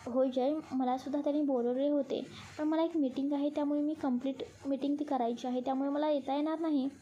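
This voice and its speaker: A woman's voice: high voice, fairly even intonation, fast, mellow, dull audio, slight background noise, lightly acted. A woman voicing a teasing young boss. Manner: indignant, defensive. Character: young man, office boss, quick-tempered and teasing.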